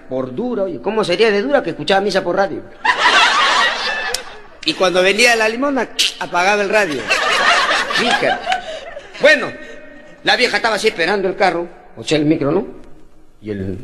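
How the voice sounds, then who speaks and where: A comedian rattles through street jokes with lively, slangy energy. His man's voice sits a touch high and swings widely from low mutters to sharp punchlines. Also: brisk, long pauses, very noisy. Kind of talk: stand-up joke telling.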